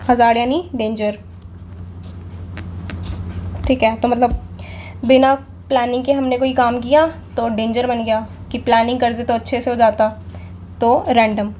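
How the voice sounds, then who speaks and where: A woman's voice: on the high side, a little mellow, slight background noise. A young woman gives a casual vocabulary lesson, chatty and often saying "theek hai". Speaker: exam vocabulary teacher.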